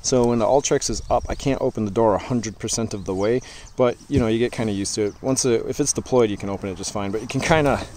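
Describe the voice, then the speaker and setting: A man giving a relaxed, rambling walkthrough tour of his boat outdoors, talking with many fillers into a handheld camera. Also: lowish voice, fast talker, slight background noise. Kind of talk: casual walkthrough vlog.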